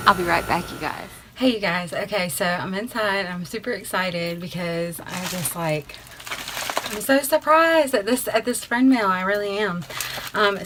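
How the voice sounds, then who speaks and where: Excitable lady doing an unboxing vlog, lots of ums and likes, tripod camera, faint hiss behind her. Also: medium pitch. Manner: gushing, excitable, many fillers. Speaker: beauty vlogger. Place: front porch, then indoors.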